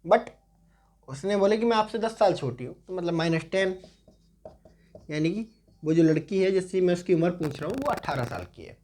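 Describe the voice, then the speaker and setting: A man's voice: high voice, expressive, a little mellow, a little hiss or hum. A man in his twenties teaching a reasoning class, mixing English into Hindi, asking tag questions and repeating words as he writes. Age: 20s. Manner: slow, repeats words while writing on a board. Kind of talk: exam-prep lesson.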